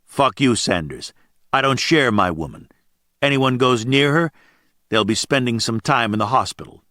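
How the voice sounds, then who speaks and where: A man's voice: lowish voice, expressive, moderate pace, a bit bright, no echo, clean studio sound. A man voicing a hard, protective male biker with a blunt, cold manner. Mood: gruff.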